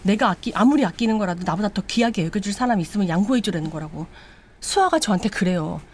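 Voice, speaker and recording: A woman's voice: medium pitch, animated, fast, darkish tone, slightly rough. A woman voicing a young surrogate mother who earnestly explains and pleads her case. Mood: pleading.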